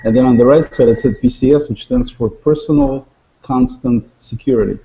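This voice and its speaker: A man's voice: mid-range voice, a little fast. A man on a panel chatting on a video call, joking and teasing the guest. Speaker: panel host. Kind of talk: casual video call chat. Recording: dull lo-fi video call audio.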